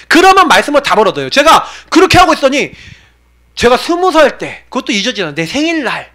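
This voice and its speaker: A man in his forties, a pastor preaching a sermon with animated urging and low, confiding asides.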